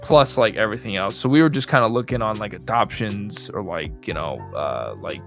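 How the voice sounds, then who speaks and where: A young man with a low voice talks as a guest on a casual podcast. He rambles loosely, padding his sentences with "like" and "uh," in an easygoing flow. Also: animated, fairly quick, a bit bright, faint music behind. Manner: rambling, full of "like" and fillers. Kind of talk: casual chat.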